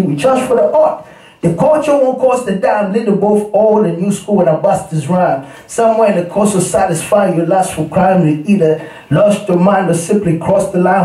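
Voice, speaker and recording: A man's voice: high-pitched, warm tone. A man from Congo performing spoken-word rap in a rhythmic rhyming flow, chatting casually to the crowd between pieces. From Democratic Republic of Congo. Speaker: rapper. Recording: echoey room, far from the mic.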